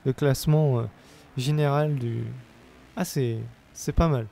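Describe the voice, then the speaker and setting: Young male gamer, gravelly and mellow, sore throat, chatty let's-play commentary, faint hiss behind. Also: medium pitch, steady tone, a little slow. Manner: chatty, hesitant, bursts of playful cheering. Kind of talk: casual game commentary.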